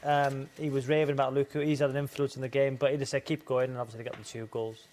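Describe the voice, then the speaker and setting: A man's voice: mid-range voice, little pitch movement, very fast, darkish tone, a little hiss or hum. A man giving football punditry in a studio, rambling with many restarts and jokes. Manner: rambling, stops and restarts, jokey.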